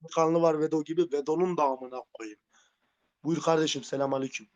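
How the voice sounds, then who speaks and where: A man's voice: on the high side, steady tone, fast talker, lo-fi sound. A man in a heated live-stream confrontation, belligerent and profane, repeating his threats over and over. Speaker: livestreamer. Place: Antalya.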